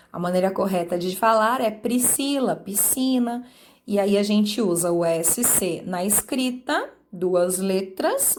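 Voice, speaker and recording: A woman teacher with a Brazilian accent gives a lesson to her students at a medium pitch. She draws out example words slowly, sounding them out. She keeps asking short checking questions to make sure the class is following. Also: a little hiss or hum. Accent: Brazilian Portuguese. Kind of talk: online class explanation.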